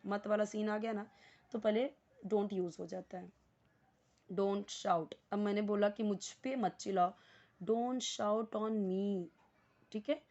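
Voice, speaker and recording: A woman with an Indian accent teaching basic spoken English, explaining patiently and repeating each English phrase slowly. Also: medium pitch, a little mellow, dull audio. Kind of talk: spoken English lesson in Hindi.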